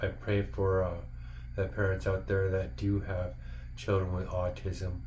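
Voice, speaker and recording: A man's voice: sits low, monotone, a little slow, darkish tone. A man giving an earnest, encouraging, casual heartfelt monologue as a parent talking to other parents. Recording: dull lo-fi, faint background noise.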